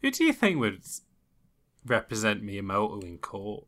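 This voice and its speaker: Bright-voiced joking man. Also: lowish voice, huge pitch swings, moderate pace. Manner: jokey, rambling, trails off and laughs at his own jokes. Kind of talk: casual chat.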